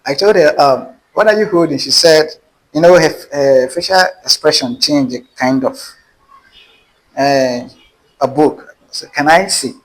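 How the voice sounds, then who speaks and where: The speaker, an interview guest with a Nigerian accent, keeps a measured pace and a slightly high voice. He casually relates a dating story from his own life, animated and acting out the dialogue, on a rough recording.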